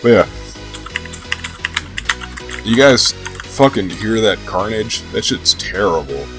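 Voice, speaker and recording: A man's voice: lowish voice, sing-song, slow, fairly bright tone, faint music behind. A young man with a stuffy nose from a cold, rambling casually and swearing freely as he vlogs about gaming. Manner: laid-back, profane, hesitant rambling. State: sick with a cold. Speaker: gaming vlogger.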